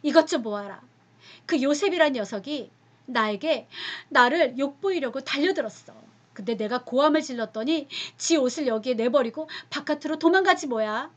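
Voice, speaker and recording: A woman's voice: high-pitched, animated, moderate pace, dull audio, voice pushed up. A woman voicing a haughty scheming noblewoman who speaks emphatically in a raised voice. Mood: indignant.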